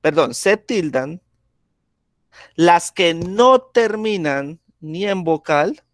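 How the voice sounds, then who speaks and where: A man's voice: on the high side, lively intonation, no room sound, studio quality. A man teaching a grammar lesson over a video call, speaking patiently and checking in with the class often. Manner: slow, patient, checks in with frequent "¿sí?".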